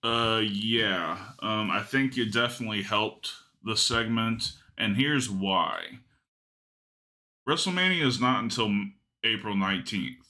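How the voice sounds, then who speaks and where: Podcast dude, kinda low but sharp bright voice, casually talks through his take. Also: unhurried. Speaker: podcast co-host. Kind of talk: casual analytical chat.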